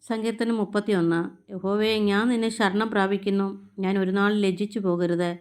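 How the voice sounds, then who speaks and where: Woman reading psalms aloud, steady. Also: medium pitch, clear, resonant tone. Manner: measured, even recitation of psalms. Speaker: scripture reader.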